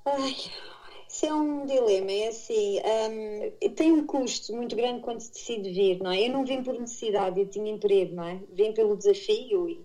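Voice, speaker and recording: This interview guest is a middle-aged woman from Madeira who works abroad as an aviation instructor and speaks with a Portuguese accent. She answers casually at a moderate pace in a warm, mid-range voice, fixing her words mid-story. The recording is rough.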